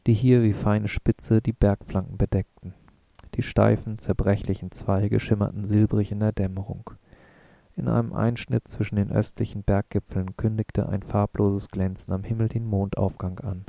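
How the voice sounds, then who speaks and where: A man narrating an audiobook in a calm, even, measured reading. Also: fairly low pitch, creaky, no room sound.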